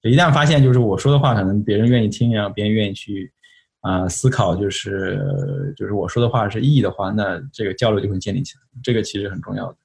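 Man from Shanghai, low voice, quick and rambling, podcast guest who reflects at length. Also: steady tone, vocal fry, darkish tone. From Shanghai, China. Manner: reflective, explains at length with many fillers. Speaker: interview guest, AI researcher. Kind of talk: casual podcast interview.

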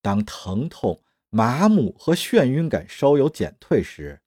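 A man narrating a science fiction audio drama in a dramatic, expressive reading. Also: medium pitch, takes it slowly, husky, no room sound, clean studio sound.

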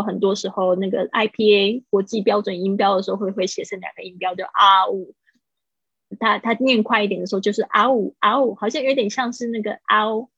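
On a livestream, a woman teaches English pronunciation, patiently explaining and slowly repeating words for her students. Her voice is medium-pitched and husky. There's no echo, but the high frequencies are cut off.

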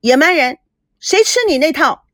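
A woman voicing a spoiled, whiny young woman in a storybook reading, shrill and tearful. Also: animated, slow, pushed and bright, no echo, studio quality, heavily acted. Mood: indignant.

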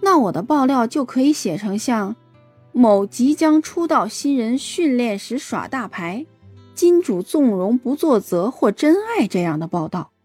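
Lady doing a scheming gossip girl, husky n kinda high. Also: sing-song, measured pace, a little mellow, soft background music, full character voice. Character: scheming young woman gossip reporter.

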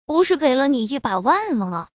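A woman's voice: high voice, big pitch swings, a little fast, dry recording. A woman voicing a cocky young man who teases with a playful edge, on a dull lo-fi audiobook recording. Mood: teasing. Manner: playful, teasing.

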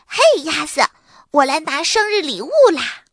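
A woman voicing an excitable, gushing young girl monkey in a read-aloud children's storybook. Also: high voice, moderate pace, no echo, clean studio sound, pitched above the performer's own voice, full character voice. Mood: cheerful.

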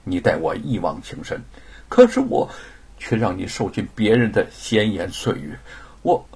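A man voicing a devoted young wife in an audiobook, speaking higher and in an emotional, pleading manner. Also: very animated, moderate pace, darkish tone, slightly rough, exaggerated voice. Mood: earnest.

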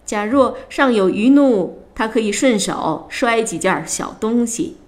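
A woman reading a novel aloud on the radio in measured, expressive narration. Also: on the high side.

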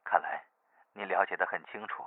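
A man voicing a weak, ill man speaking gently and faintly over the phone in an audiobook. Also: deep voice, flat delivery, brisk, no echo. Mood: weary. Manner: feeble, quiet, gentle. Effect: phone line. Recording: tinny phone line.

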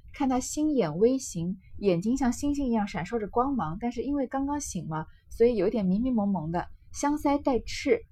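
A woman's voice: on the high side, warm tone, husky. A woman retelling and explaining a classic novel in a chatty way, with many fillers. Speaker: literature explainer. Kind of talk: storytelling commentary.

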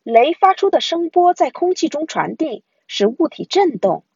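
A woman's voice: high voice, very animated, normal speed, vocal fry, darkish tone, no room sound, dull audio, pitched above the performer's own voice, heavily acted. A woman doing a bossy know-it-all big sister. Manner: bossy, reassuring, explaining.

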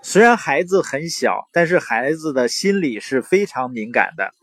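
Earnest man with a husky voice. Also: medium pitch, big pitch swings, fairly bright tone, no echo. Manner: earnest, conversational, fond of drawn-out particles. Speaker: parenting commentator. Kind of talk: informal talk with anecdotes and advice.

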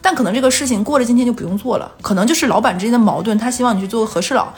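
一位女播客联合主持人，在闲聊中讲故事，说得生动，常常模仿别人说话。. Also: female voice, on the high side, soft background music. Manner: fast, animated storytelling, acting out quotes. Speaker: podcast co-host. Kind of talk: casual chat.

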